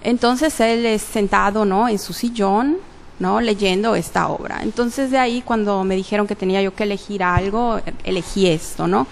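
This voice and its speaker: This woman, an interview guest with a literature degree, speaks at normal speed and medium pitch with a creaky voice, over a slight hiss or hum. Her casual answers are hesitant, full of fillers and self-corrections.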